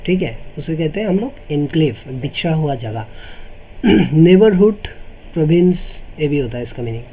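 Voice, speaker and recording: A man teaching English vocabulary, explaining each word in Hindi, asking himself what each word means and often clearing his throat. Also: a little high, mellow, slight background noise. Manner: repeats "matlab" and asks himself "what does it mean?" before each word.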